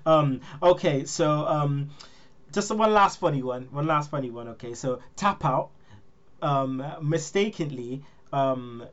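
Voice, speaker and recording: Male host, a bit high, storytelling with laughs, muffled recording. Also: measured pace, fairly bright tone. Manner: storytelling, laughs often, acts out quotes. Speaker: podcast host. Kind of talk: casual wrestling chat.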